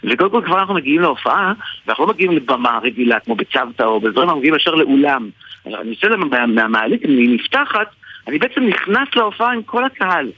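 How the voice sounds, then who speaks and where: A man with an Israeli accent tells an anecdote casually, haltingly, repeating and restarting his phrases. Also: a little high, sing-song, breathy edge, dry recording. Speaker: guest, stage performer. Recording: muffled radio or phone-like sound, dry.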